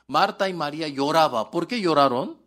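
A man's voice: on the high side, lively intonation, moderate pace, fairly bright tone. A male pastor preaching a sermon in broken, article-dropping Spanish, asking the congregation questions and answering them himself.

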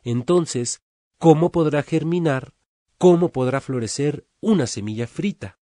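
A man's voice: fairly high pitch, animated, measured pace, dark tone, dry recording, clean studio sound. A man preaching a sermon, telling a story in an earnest, emphatic way.

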